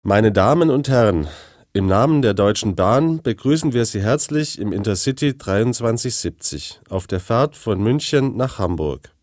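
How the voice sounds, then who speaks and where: A man reading formal train announcements in a steady, announcing way. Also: fairly low pitch, moderate pace, dry recording, clean studio sound.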